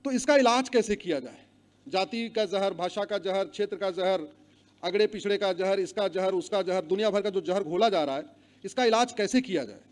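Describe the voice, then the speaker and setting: High-pitched man rousing a crowd. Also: normal speed. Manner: rousing, chants long lists loudly and asks the crowd to repeat. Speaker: public speaker. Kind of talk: public speech to a live audience. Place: hall with an audience.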